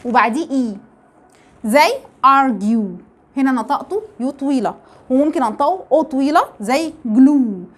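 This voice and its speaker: High-voiced Egyptian woman teaching pronunciation. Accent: Egyptian Arabic. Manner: explains step by step with rhetorical questions to the viewer. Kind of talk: phonetics lesson.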